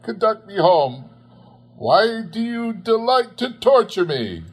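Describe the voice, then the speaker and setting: A man's voice: high-pitched, very animated, slow pace, voice pushed up, heavily acted. A man voicing an agitated old miser in a storybook, pleading and exclaiming in anguish.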